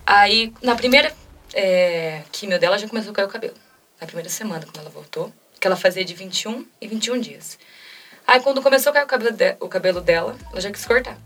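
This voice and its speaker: A young woman in her twenties with a Brazilian Portuguese accent, a guest telling a personal story quickly and emotionally and acting out quoted dialogue. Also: medium pitch, fairly bright tone. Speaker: interview guest. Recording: mic at a distance, faint music.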